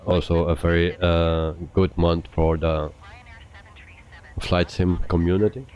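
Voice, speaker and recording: A man hosting a flight simulator live stream, chatting casually with viewers and often pausing with hesitations. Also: low-pitched, highs cut off. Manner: relaxed, chatty, frequent hesitations. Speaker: flight sim livestreamer.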